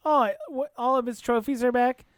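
A podcast co-host chatting casually and teasing with quick questions. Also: medium pitch, steady tone, no room sound, clean studio sound. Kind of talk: casual chat watching a movie.

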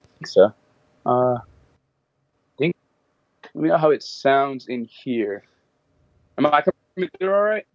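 A young man chatting as a guest over a video call from home, easygoing and quick to laugh, his audio glitchy and breaking up. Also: mid-range voice, big pitch swings, dry recording, dull audio. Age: young adult. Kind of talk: casual video call chat.

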